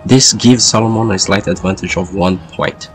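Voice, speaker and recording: Male race commentator, lowish pitch, sick and stuffed-up duck voice, qualifying coverage over music. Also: moderate pace. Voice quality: congested, sick-sounding "duck voice". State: sick with a lingering cold. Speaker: sim racing commentator and host. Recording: music behind the voice. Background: background music.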